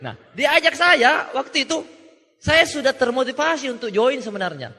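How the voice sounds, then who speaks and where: Young guy doing a jokey seminar story, bright sharp voice, big echoey hall. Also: extremely high pitch, moderate pace. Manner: animated, joking, acts out quoted voices. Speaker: motivational speaker. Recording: reverberant hall.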